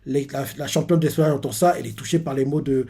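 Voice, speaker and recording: A man's voice: mid-range voice, fairly even intonation, fast talker, dark tone, slightly rough. A man hosting a manga reaction, casually recapping a chapter in a hesitant way with many fillers and self-corrections.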